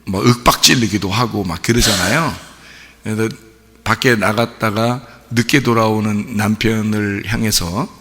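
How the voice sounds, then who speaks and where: A man's voice: fairly low pitch, fairly bright tone, big-room sound. A man preaching a sermon in a conversational way, asking the congregation many rhetorical questions and acting out little quotes. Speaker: pastor. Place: church sanctuary.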